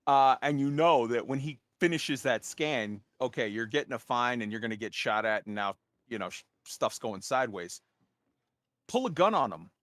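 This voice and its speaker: Male host, casual panel chat, animated, dry close sound, mid pitch. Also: moderate pace, dry recording. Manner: animated, acts out quotes when telling tips. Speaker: host of a game roundtable.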